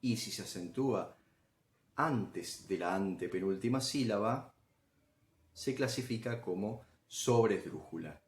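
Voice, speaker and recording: A man teaches a grammar lesson. He explains patiently, one step at a time, pausing to ask if the listener is following. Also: lowish voice. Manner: patient, step-by-step, checks understanding with "¿sí?".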